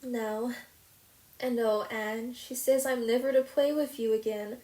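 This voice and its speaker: A woman's voice: fairly high pitch, unhurried, darkish tone, voice pushed up. A woman voicing a sad but practical young girl who talks in a plain, mournful way. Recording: roomy echo.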